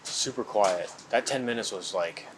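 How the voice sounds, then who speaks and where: A man's voice: fairly low pitch, normal speed, noisy background. A young man talking casually and slangily while ghost hunting, calling out to spirits as he vlogs. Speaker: paranormal investigator. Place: indoors in a large old house.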